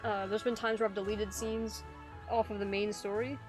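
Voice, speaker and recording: A woman's voice: medium pitch, level tone, normal speed. A woman hosting a gaming stream, chatting casually, laughing often and reading out chat. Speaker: streamer and host. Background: faint game music.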